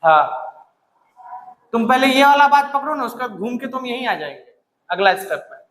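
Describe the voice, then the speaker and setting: Guy teaching class, really high bright voice, pushes kids to answer, scolds a bit, super echoey room. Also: big pitch swings. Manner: dictates slowly and keeps prompting students to answer; scolds students bluntly. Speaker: biology teacher. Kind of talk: classroom lecture. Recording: echoey classroom with long reverb.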